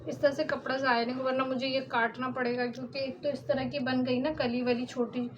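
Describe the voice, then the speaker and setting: A woman's voice: high voice, little pitch movement, a little fast, background noise. A middle-aged woman explaining a sewing cut step by step in a casual tutorial, often checking in with her listener. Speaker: sewing instructor. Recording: dull lo-fi sound.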